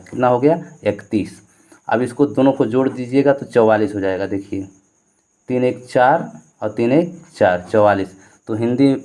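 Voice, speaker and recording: Mellow-voiced Indian man teaching grammar. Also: medium pitch. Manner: drills with repeated questions and answers. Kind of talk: exam-prep grammar lesson.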